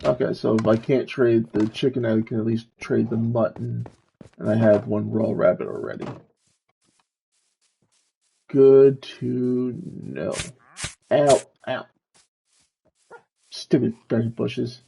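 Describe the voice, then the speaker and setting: Slow, gravelly-voiced man musing while gaming. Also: mid-range voice, mellow, slight background noise, low-quality recording. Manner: slow, musing, talks to himself while playing. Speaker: streamer. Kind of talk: casual gameplay commentary.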